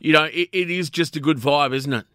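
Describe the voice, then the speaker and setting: An Australian man presenting on radio, with a slightly high voice and a dry, close sound. He chats casually and colloquially, like a mate, as he interviews his guest. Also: fairly quick, a bit bright, no room sound. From Brisbane, Australia. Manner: matey, colloquial. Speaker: radio host.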